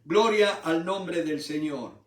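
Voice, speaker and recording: A man's voice: on the high side, takes it slowly, roomy sound, recorded from a distance. A man preaching a Bible study sermon with fervor, calling his listeners brothers. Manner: fervent, addresses listeners as brothers.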